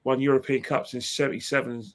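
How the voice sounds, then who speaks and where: A man chatting casually about old football days, excitable and repeating himself as he gets going. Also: mid-range voice, fast.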